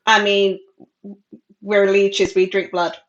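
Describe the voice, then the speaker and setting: A woman's voice: medium pitch, little pitch movement, slow pace, highs cut off, pitched below the performer's own voice, natural voice. Woman playing a blunt, stubborn talking leech. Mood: stubborn, unbothered. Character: stubborn, matter-of-fact hungry talking leech. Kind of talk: tabletop role-play.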